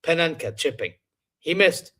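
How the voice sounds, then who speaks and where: A man's voice: fairly high pitch, sing-song, normal speed, a bit bright. A man hosting a casual sports chat, opinionated and repeating himself for emphasis. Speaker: show host.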